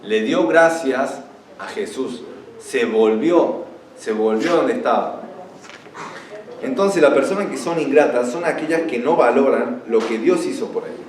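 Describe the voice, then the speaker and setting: A man's voice: mid-range voice, a little slow, a little hiss or hum. A young man, preaching a sermon as pastor. He teaches in a repeating, emphatic way and lifts his voice when he reads scripture aloud. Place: church. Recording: roomy church hall from far off, faint ambience.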